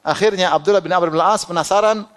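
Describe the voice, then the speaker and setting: A man's voice: high voice, fast, fairly bright tone. A middle-aged man preaching a sermon, telling personal anecdotes, quoting Arabic and laughing often. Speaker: Islamic preacher.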